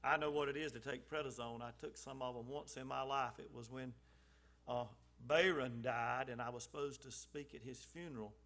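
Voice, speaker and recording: A lay speaker gives an informal message at a church service, his mid-range voice steady, fairly bright, and moderately paced. He sounds folksy and conversational, with many ums and restarts, and his emphasis rises on key phrases.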